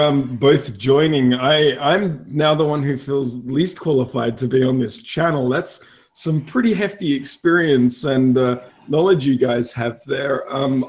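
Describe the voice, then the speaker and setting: A man hosting a relaxed interview, self-deprecating and chatty with many fillers. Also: medium pitch. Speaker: podcast host. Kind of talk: casual interview chat.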